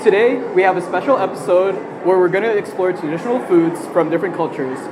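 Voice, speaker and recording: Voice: mid-range voice, fast. The host of a live comedy sketch, with upbeat, scripted patter. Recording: noisy live stage.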